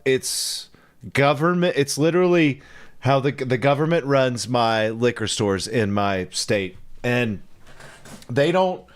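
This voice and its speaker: Man, podcast host, casual chat, relaxed, chatty. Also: mid-range voice, slow.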